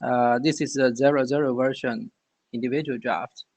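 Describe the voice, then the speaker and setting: A man's voice: medium pitch, steady tone, moderate pace, darkish tone. A man giving a technical presentation over a remote call, his microphone clipping and distorting so the audio breaks off. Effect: clipping, distorted mic audio that breaks off. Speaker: presenter at a working group meeting.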